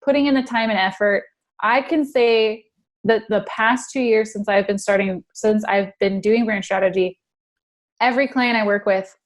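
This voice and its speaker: Female interview guest, earnest and animated, laughs easily, mid-pitched voice. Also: moderate pace. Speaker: guest brand strategist. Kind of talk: casual interview chat.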